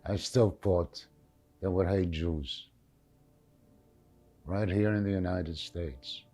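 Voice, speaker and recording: A man's voice: deep voice, steady tone, takes it slowly, mellow, husky, faint music behind. An elderly man with a Yiddish accent reminisces in an interview in plain, short, often repeated phrases, dropping in Yiddish words. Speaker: Holocaust survivor giving testimony.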